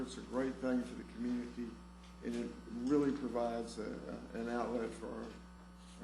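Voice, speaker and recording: A man, a county commissioner, making informal, halting remarks at a public meeting. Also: mid-range voice. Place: indoor government meeting chamber. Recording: echoey room with clear background noise.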